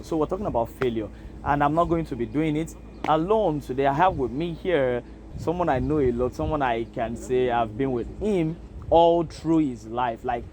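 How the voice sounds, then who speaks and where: A young Nigerian man with a Nigerian accent vlogs in a casual self-interview monologue, sounding hesitant and reflective and using plenty of fillers. His voice is medium-pitched and slightly mellow, with a little hiss or hum in the audio.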